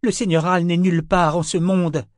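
A man voicing a blunt, tough warrior woman with a gruff, threatening manner. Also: high-pitched, level tone, moderate pace, no echo, studio quality, voice pushed up, lightly acted. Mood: anguished.

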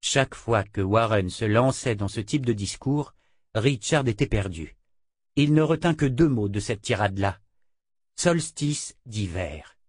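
A man's voice: medium pitch, moderate pace, dry recording. Man narrating an audiobook, dry sound. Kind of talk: scripted narration. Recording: dry close recording.

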